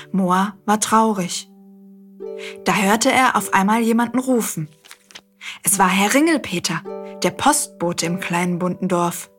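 Eine Frau erzählt sanft eine Kindergeschichte und spricht die Zuhörer direkt an. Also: female voice, mid-range voice. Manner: gentle, addresses the listener. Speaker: storyteller. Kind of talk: children's story narration. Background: faint guitar music.

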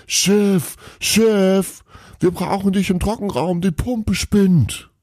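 Busy little elves voiced by a man yell for the boss in a high, pushed voice. The tone stays husky and breathy under the strain, and each call is insistent. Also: slow pace, studio quality. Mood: urgent. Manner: urgent calling across a hall. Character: bustling Christmas elves shouting for the boss.

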